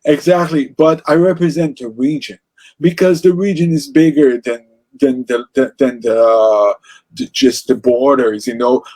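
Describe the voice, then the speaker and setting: A man's voice: medium pitch, fairly even intonation, measured pace, darkish tone. A man with an Israeli accent, speaking as an interview guest about music in a passionate, rambling way with many restarts. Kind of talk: casual interview conversation.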